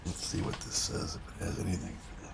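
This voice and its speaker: A man's voice: brisk, heavy background noise. A middle-aged man from Wisconsin giving chatty, rambling gameplay commentary while driving a truck game. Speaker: gaming YouTuber. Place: home gaming room with driving rig. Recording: loud truck game audio underneath.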